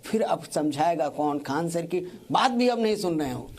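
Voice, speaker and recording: A male reporter with a high-pitched voice puts probing questions to his guest. He speaks in plain, direct news-interview phrasing. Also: animated, normal speed, darkish tone.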